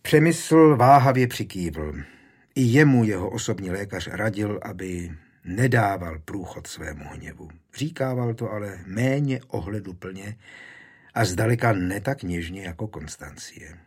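A man narrating a historical novel in a measured, storytelling manner. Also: fairly low pitch, expressive, breathy edge. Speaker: audiobook narrator.

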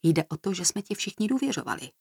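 A worn-out family man, reproachful and insistent, as a female narrator reads him. The reading is lowish and dry. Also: big pitch swings, a little mellow, husky, dry recording, heavily acted.

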